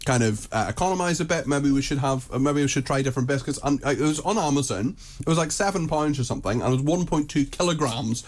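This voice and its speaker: A man's voice: a little high, fast, few pauses. A young British man hosts breakfast radio from a studio. He talks in a chatty, playful way, often restarting his sentences mid-thought. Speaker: radio presenter.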